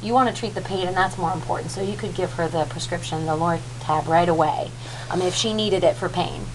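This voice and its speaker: Low-pitched woman explaining dental aftercare. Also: brisk. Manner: patient, informal, thorough, often checks understanding. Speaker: dental nurse or assistant. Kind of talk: explaining aftercare instructions to a family. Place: clinic recovery room. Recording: noisy room with background ambience.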